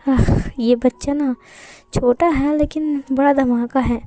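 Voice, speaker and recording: A meddling older uncle, played by a woman who teases the family. The voice is high and mellow. It is heard close in a dry recording. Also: steady tone, slow, no room sound. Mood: teasing. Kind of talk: fan fiction storytelling.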